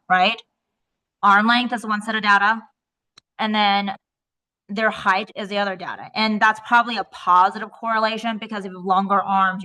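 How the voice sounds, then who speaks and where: A woman math teacher talks through a worksheet one step at a time, estimating aloud and often pausing to ask "right?" Her voice is bright and forward, in a middle register for a woman. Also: mid-range voice, poor audio. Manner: tentative, thinks aloud while estimating.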